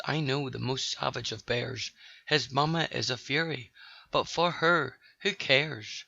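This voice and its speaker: A man's voice: medium pitch, vocal fry, bright, forceful tone, no room sound, dull audio, heavily acted. A man doing a cheeky storybook girl. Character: bold cheeky young girl.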